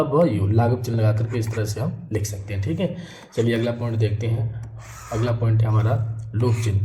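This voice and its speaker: Deep, mellow-voiced male teacher in a roomy space. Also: slight background noise. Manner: patient, explains step by step, often says "ठीक है" between points. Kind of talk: classroom grammar lesson.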